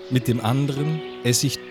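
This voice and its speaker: Deadpan man reading over music. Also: medium pitch. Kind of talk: mock-solemn poem reading. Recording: music playing under the voice.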